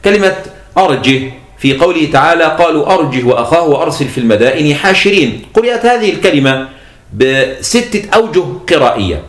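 A man's voice: on the high side, big pitch swings, quick pace. A man with an Egyptian accent teaching a lesson, explaining step by step and repeating key points for his students. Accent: Egyptian Arabic. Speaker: teacher of Quran sciences. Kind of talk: recorded lecture. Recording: echoey room.

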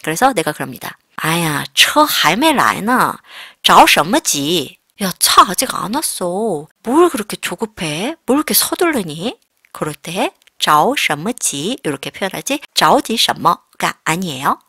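Bright, lively woman teaching a language lesson. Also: fairly low pitch, a little slow, husky, dry recording, clean studio sound. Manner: lively, acts out short everyday dialogues with playful sass. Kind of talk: classroom-style language lesson.

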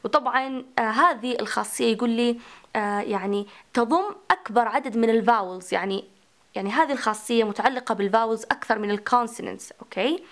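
Woman lecturer, slightly high voice, talks herself through questions. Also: quick pace, a bit bright. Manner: mixes English terms into Arabic, asks and answers her own questions. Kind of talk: recorded phonetics lecture.

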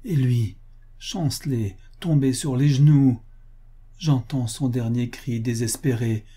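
A heartbroken young bride, trembling and pleading through her grief, as a male audiobook reader puts her on. The voice is dark and mellow with a husky edge. It rises higher than the reader's own voice when she cries out. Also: takes it slowly. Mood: distraught. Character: grief-stricken young woman, sobbing bride. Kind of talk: audiobook character reading.

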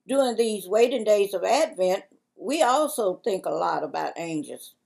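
An older woman with a Southern US accent reads a church devotion slowly and carefully in a library, recorded on a lapel mic. Her medium-pitched voice is creaky and a little mellow, and the recording is rough.

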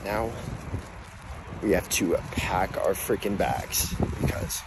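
A man talking casually to his vlog camera on the go, chatty and relaxed with lots of filler words. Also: low voice, takes it slowly, heavy background noise. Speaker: fitness vlogger. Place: on the go: home, car, mall, airport. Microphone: camera-mounted shotgun mic. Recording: background music mixed under voice.

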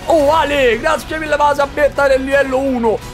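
A young man doing excited pack-opening commentary for a video game, swearing a lot and yelling at big pulls. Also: extremely high pitch, a little fast. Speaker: gaming streamer. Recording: faint music behind.

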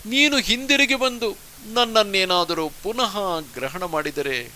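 A man voicing a devoted young wife in an audiobook, speaking in soft, earnest pleas. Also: high voice, a little slow, slight background noise, heavily acted.

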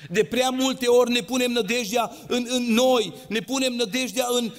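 A man's voice: very high voice, fairly even intonation. A man preaching a sermon in a church, with an impassioned, sing-song delivery that rises and drops. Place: church hall. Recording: long hall reverb.

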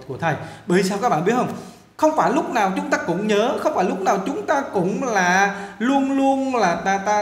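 High-voiced Vietnamese-accented male teacher. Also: reverberant. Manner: repetitive, coaxing, checks in often with the viewers. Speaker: English teacher. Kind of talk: casual classroom lesson.

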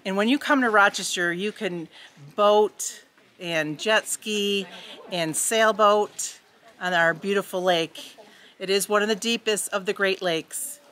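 A woman's voice: mid-range voice, unhurried, a bit bright. A woman from New York State enthusiastically introducing her hometown to camera outdoors by a lake. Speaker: insurance agent.

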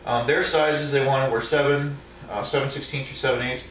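Speaking at a moderate pace with a steady, fairly bright medium-pitched voice, a truck driver shows off his tools at home in a casual way, full of ums and restarts. An overhead camera a few feet away catches him off mic in an echoey room, with a bit of hiss or hum.

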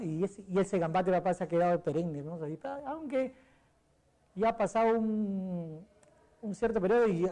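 Middle-aged Peruvian man, mellow storyteller. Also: sits high. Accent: Peruvian Spanish. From Peru. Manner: rambling storyteller, many fillers and restarts. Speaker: guest, sports columnist. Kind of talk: casual interview chat.

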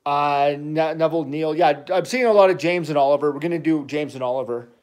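A man's voice: a little high, a little mellow. Chatty man rambling on a livestream. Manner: rambling, chatty, quick asides to viewers. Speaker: toy channel host. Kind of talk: casual livestream chat. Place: family home.

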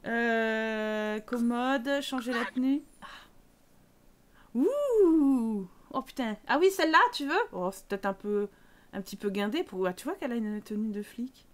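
A woman's voice: a little high, expressive, measured pace. A woman chatting casually as she streams a life-sim game, teasing the characters and talking to them.

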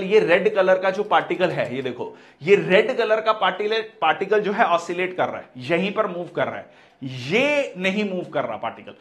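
A man teaching physics for exam prep, explaining step by step and often repeating key terms and checking in with "theek hai". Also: a little high.

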